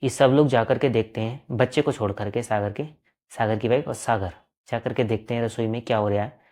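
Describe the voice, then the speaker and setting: A man's voice: medium pitch, steady tone, fairly quick, a little mellow. Conversational male horror storyteller. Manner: plain conversational retelling. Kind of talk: storytelling narration.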